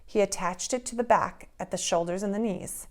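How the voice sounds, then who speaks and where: A preschool teacher, a woman, reading a folktale aloud to children in an expressive storytelling manner. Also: medium pitch. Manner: expressive, slow storytelling pace.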